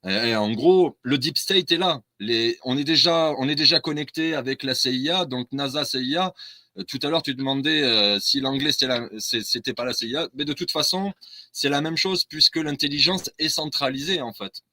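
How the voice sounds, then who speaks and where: A man's voice: mid-range voice, normal speed, bright, forceful tone, dry recording. A man, a guest in a casual discussion, explaining his views earnestly and at length.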